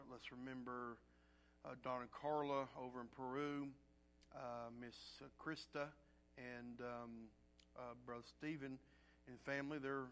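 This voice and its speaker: A man with a rattly, congested throat, speaking as a pastor in a folksy, halting, conversational way as he gives informal church announcements. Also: medium pitch, fairly bright tone, clean tone. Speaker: pastor leading an evening church service.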